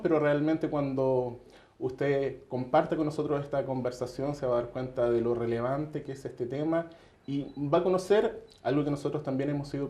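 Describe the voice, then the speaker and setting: A man's voice: medium pitch, mellow, roomy sound. A man hosting a TV interview, talking conversationally with fillers.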